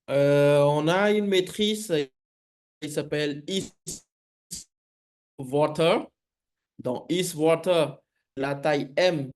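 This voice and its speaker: Slow, halting man with foreign accent in French. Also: fairly high pitch, darkish tone. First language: not French. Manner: halting, searching for words, frequent hesitations. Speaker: programming instructor. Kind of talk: live coding lesson, explaining an exercise.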